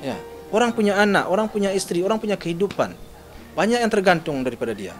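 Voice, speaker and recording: A man with a slightly high voice tells his story to reporters in an agitated, emotional way. His pitch swings widely, and faint music plays underneath. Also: very animated, fast. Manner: agitated, retells phone calls with shifting pitch. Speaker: interviewee, father of the victim's husband. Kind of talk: emotional interview statement.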